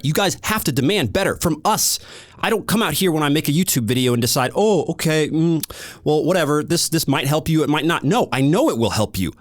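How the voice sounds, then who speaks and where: American male podcast host; fiery, emphatic ranter with a very lively pitch. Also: dry recording, studio quality. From United States. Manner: heated, animated, emphatic. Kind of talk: ranting podcast monologue.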